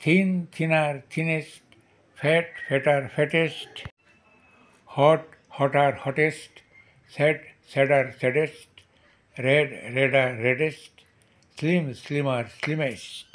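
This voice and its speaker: On the high side and flat, a man speaks at a measured pace with a Bengali accent while teaching English grammar. He reads every rule twice, then lists word forms one at a time, in a slow, dictation-style lesson.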